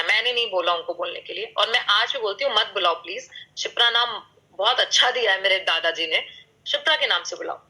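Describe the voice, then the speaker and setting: A woman's voice: on the high side, pushed and bright, low-quality recording. A woman, probably in her thirties, giving a motivational talk at a business meeting. She mixes Hindi and English, asks the audience questions and uses sound words and vivid examples.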